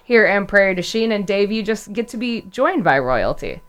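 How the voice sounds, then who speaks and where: A woman's voice: medium pitch, very animated, moderate pace. A woman hosting a casual local interview and handing the talk to her guests. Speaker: radio talk show host.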